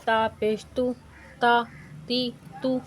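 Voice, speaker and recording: A woman's voice: a little high, level tone. Patient woman chanting letter drills. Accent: Pakistani Urdu. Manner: patient, explains rules briefly then drills each letter in a measured chant. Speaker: Quran reading teacher. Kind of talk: slow syllable-by-syllable recitation lesson.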